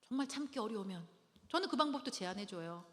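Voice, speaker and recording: Speaking quickly in a fairly high voice, a middle-aged woman lectures engaged couples at a church marriage-prep class, staging small dramatic scenes and running call-and-response with her listeners. Her style is animated and theatrical, and the church hall adds a long, echoing reverb.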